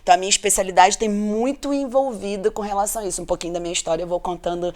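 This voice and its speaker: A woman's voice: mid-range voice, racing. A middle-aged woman physician, telling her story in a casual interview and often tagging her sentences with "né?". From Brazil, Rio de Janeiro state. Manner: animated storyteller, frequent "né?" tag questions. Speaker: physician guest.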